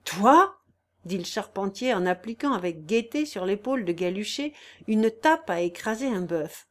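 A woman reading a novel aloud in an expressive, lively way. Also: medium pitch, moderate pace.

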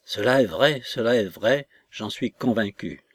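A man's voice: on the low side, lively intonation, unhurried, slightly rough, no room sound. A man reading the part of a poor, grateful father who is overwhelmed with emotion and pours out his thanks. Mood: shocked. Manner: effusive, emotional pleading.

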